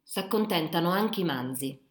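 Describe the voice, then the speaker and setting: Woman doing a blunt older farm boss, scolding and mocking, raised pitch, roomy echo, audiobook reading. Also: animated, normal speed, lightly acted. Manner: scolding, teasing.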